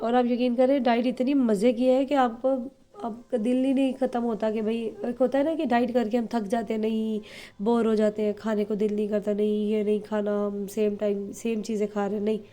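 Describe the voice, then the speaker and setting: A woman from Pakistan talking quickly and chattily to her viewers in a casual vlog, her voice a little hoarse from flu, with many fillers. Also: fairly high pitch, mellow. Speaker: vlogger.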